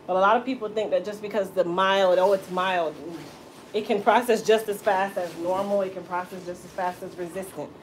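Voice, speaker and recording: A woman's voice: medium pitch, fairly even intonation, brisk, a little hiss or hum, rough recording. A woman hair stylist chatting casually as she explains her work in a small salon, laughing at viewer comments. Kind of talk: casual salon tutorial livestream.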